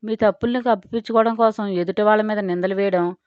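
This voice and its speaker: A woman's voice: medium pitch, fairly even intonation, fast talker, dry recording, lightly acted. A woman voicing a proud, stern middle-aged father who scoffs at his son-in-law. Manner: stern, scornful. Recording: dry, dull lo-fi recording.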